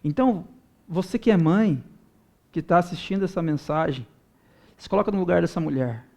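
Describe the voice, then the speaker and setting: A young male pastor with a notably high voice delivers an earnest sermon for viewers at home. He builds from steady teaching into loud, impassioned pleas. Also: moderate pace, creaky. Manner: earnest preaching, swelling loud in prayer-like pleas.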